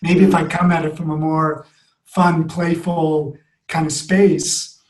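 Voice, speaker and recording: A man speaking in an earnest, expansive way, stacking example on example as a podcast guest. His voice sits a little higher than most men's. A roomy echo hangs around every word. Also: little pitch movement, slow. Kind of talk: reflective conversation.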